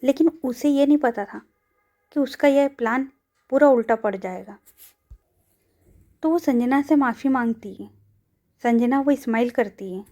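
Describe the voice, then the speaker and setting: A woman storyteller with a soft, warm, fairly high voice, reading a romance audio story aloud. She steadily names who speaks before each line of dialogue. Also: unhurried, pauses often. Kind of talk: storytelling narration.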